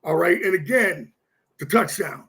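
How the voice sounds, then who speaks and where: A man co-hosting a football talk show, excitable and profane, often repeating himself as he makes his points. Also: sits high, a little slow. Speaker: sports show co-host.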